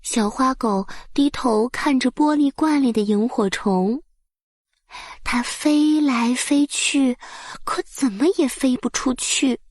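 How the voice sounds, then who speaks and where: A woman narrating a bedtime story for small children in a soft, breathy voice, with gentle, soothing and careful phrasing. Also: high voice, takes it slowly, no echo, studio quality.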